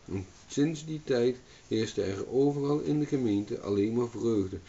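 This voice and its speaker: Dark-voiced man reading a fairy tale. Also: mid-range voice, measured pace. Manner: calm steady narration. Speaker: storyteller. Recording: dull distant recording.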